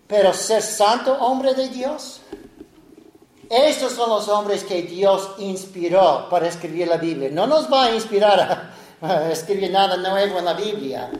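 A man's voice: roomy sound, rough recording. A man preaching a sermon as a pastor, acting out pleading prayers in a raised voice. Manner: acts out prayers in a higher pleading voice.

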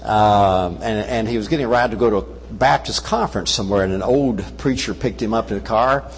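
The sermon comes from an older man with a lowish voice talking fairly quickly, recorded in a big hall with some hiss or hum. He's a guest missionary at the church service, Brazil-raised with a Kentucky accent, using a wireless mic and slipping in folksy jokes.

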